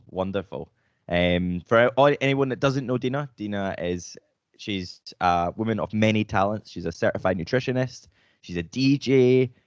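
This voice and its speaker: Very deep-voiced podcast host. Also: male voice, dry recording. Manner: upbeat, loose, swears and jokes. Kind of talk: casual podcast chat. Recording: dry, dull lo-fi podcast audio.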